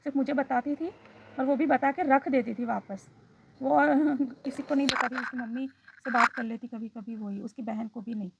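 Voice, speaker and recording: Gravelly woman telling a personal story. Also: high-pitched, steady tone, moderate pace, lo-fi sound, noisy background. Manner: reflective, hesitant, mixes in English phrases. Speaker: storytime vlogger.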